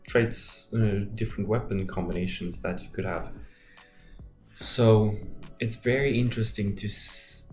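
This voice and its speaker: Slow, low-voiced man thinking aloud. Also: a little mellow. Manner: thinking aloud, hesitant with frequent fillers. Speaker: game designer. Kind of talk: casual design vlog. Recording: roomy echo with faint background music.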